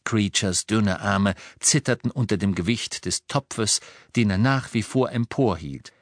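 A man narrates an audiobook with an expressive, evenly paced delivery. His voice sits on the low side. The recording is very dry and close, with no room sound. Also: unhurried, dry recording.

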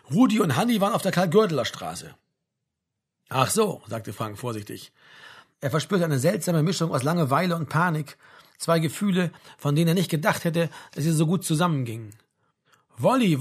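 A man reading a novel aloud, narrating and voicing the dialogue of several characters, with a husky voice. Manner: drops low and quiet on dialogue tags. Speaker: audiobook reader.

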